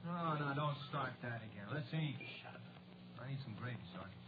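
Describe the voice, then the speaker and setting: A man's voice: medium pitch, a little fast, phone-quality sound, close to an everyday voice. Man as blunt soldier, very noisy old recording. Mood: gruff, impatient. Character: blunt, hungry American soldier, impatient with sentiment. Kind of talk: 1940s radio acting.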